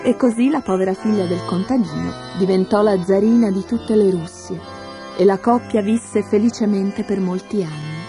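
A woman narrating a fairy tale in a steady, measured scripted reading. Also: medium pitch, over loud music. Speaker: storyteller.

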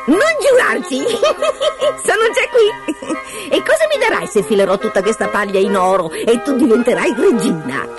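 A woman's voice: on the high side, very animated, moderate pace, voice pushed up. A woman voicing a mischievous little male dwarf who taunts and gloats in a fairy tale, with music playing behind. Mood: gloating. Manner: gleeful, taunting, laughs often.

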